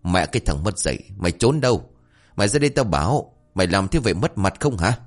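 A man voicing a blustering old village man who curses gruffly. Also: sits low, big pitch swings, fast talker. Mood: angry. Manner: gruff and cursing.

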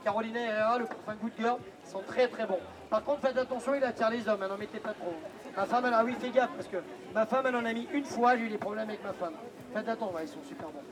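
A man hawking at a street fair with loud barker's patter, insistent, repetitive and teasing toward his listeners. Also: extremely high pitch, fast. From France. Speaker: street-fair perfume pitchman. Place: outdoors at a busy street fair. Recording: outdoor street fair with crowd noise.

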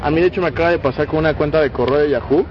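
A Mexican man in a relaxed podcast chat, his voice a touch high for a man and a little muffled. Cars rumble steadily in the background of the outdoor park recording. He leans on fillers as he explains the news. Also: rapid-fire. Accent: Mexican Spanish. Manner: relaxed, many fillers like "este" and "pues". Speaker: podcast co-host reading news. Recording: dull lo-fi sound with loud traffic noise outdoors.

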